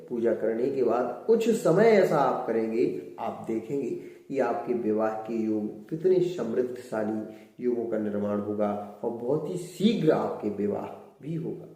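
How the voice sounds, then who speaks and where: Slow-speaking man in an echoey room. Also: mid-range voice, dark tone. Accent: Hindi. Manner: slow, measured, chants Sanskrit verses. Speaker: astrologer. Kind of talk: devotional advice talk.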